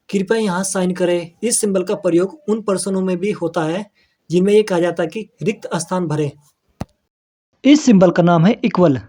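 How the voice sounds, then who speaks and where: Man, tutorial narrator, scripted explanation, methodical, steady, mellow tone. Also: high voice.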